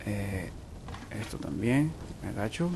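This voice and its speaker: A man commenting loudly while playing a game, with panicked repetition and swearing. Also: fairly low pitch, expressive, unhurried, creaky, a little hiss or hum. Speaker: gamer streamer. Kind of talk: let's play commentary.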